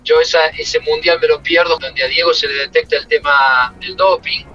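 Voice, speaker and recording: A man's voice: fairly high pitch, wildly swooping pitch, moderate pace, pushed and bright, lo-fi sound, faint music behind. A middle-aged man with an Argentine Spanish accent, a former footballer and coach telling stories from his career in an interview. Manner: emotional, reflective storytelling. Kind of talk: interview answers.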